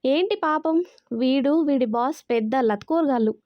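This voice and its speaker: A woman voicing an angry, sharp-tongued young woman who scolds and accuses. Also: sits high, moderate pace, no room sound, lightly acted. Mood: angry scolding. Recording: dry, slightly dull recording.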